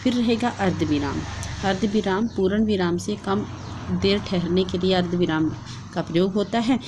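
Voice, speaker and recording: A woman with a Hindi accent explaining a lesson plan step by step in a steady, instructive way, as a teacher-training vlogger. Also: mid-range voice, normal speed, background noise. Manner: steady instructive delivery, reading out and dictating.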